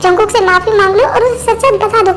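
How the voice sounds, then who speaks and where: A woman's voice: very high-pitched, fairly quick. A woman voicing a blunt friend who lectures insistently in a fan-dubbed drama. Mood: stern. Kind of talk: Hindi fan-dub voice acting.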